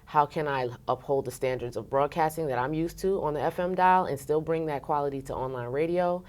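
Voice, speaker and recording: A Brooklyn, New York woman who is a radio host chats casually and expressively as an interview guest, using slangy turns of phrase. Her low, darkish voice moves briskly.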